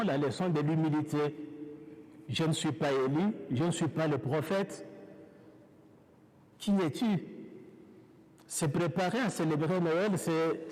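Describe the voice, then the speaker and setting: A priest with an African French accent preaches a sermon, his fairly high voice moving at a slow, unhurried pace. He builds his phrases step by step, pausing and restarting as he goes. His words ring out in a church with a long, lingering echo. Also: a little mellow. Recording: reverberant church hall.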